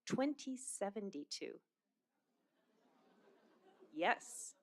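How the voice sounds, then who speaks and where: A woman's voice: mid-range voice, very animated, very slow. Woman presenting at a graduation ceremony. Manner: reads with small hesitations. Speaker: commencement presenter. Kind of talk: ceremony announcements.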